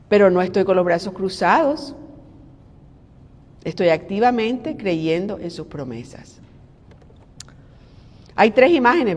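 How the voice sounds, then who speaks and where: Animated woman preacher in a reverberant hall. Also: lowish voice. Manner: animated, conversational preaching with rhetorical questions. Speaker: preacher and devotional host. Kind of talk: devotional sermon.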